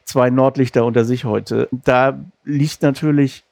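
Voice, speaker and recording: A man's voice: medium pitch, steady tone, a little slow, vocal fry, darkish tone, no room sound. A man from northern Germany with a northern German accent, hosting a podcast and chatting casually with a guest in a rambling, friendly way. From Rostock, northern Germany. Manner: chatty and rambling, with light laughs. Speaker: podcast host.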